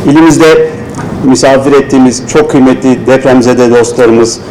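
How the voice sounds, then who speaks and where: A man's voice: mid-range voice, fairly even intonation, normal speed, darkish tone, a little hiss or hum, low-quality recording. A man giving a formal, consoling ceremony speech at a pulpit microphone on an indoor event stage. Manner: formal, consoling, addresses dignitaries by title. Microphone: speaking at a pulpit microphone.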